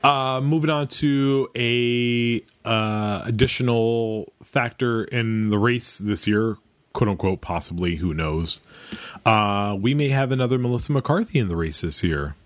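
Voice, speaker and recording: Male podcast host, low voice, quick chatty delivery full of fillers. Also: no room sound. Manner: rapid, filler-heavy, laughs between remarks. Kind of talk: casual podcast chat.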